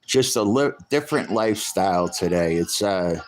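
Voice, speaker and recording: A man in his fifties reminiscing casually about growing up, rambling and halting with many fillers and restarts. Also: deep voice, animated, a little hiss or hum. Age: 50s.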